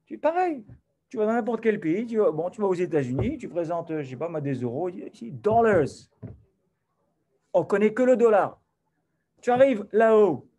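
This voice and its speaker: Animated preacher, mellow voice. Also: male voice, sits high, brisk. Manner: animated, swinging from loud to soft, acting out dialogue. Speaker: rabbi teaching a class. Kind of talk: animated sermon to a live class.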